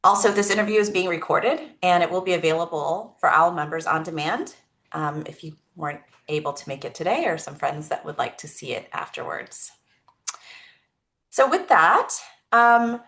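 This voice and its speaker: A woman's voice: mid-range voice, fairly bright tone. A woman hosting an online interview who introduces the guest and asks questions in a friendly, upbeat way. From California. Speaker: interview host.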